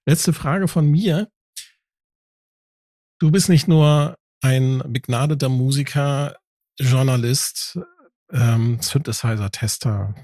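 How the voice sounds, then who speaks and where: A man's voice: mid-range voice, slow pace, long pauses, dark tone, no echo, studio quality. A man hosting an interview, asking long, winding questions in a chatty way. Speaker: interviewer, host. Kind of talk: casual interview talk.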